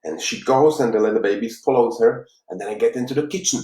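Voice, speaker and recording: A man from the Czech Republic with a Czech accent, a life coach giving an earnest, halting motivational talk on a live stream. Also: mid-range voice, a little mellow. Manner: earnest, halting, with frequent restarts. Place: room in Los Angeles. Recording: roomy, distant mic.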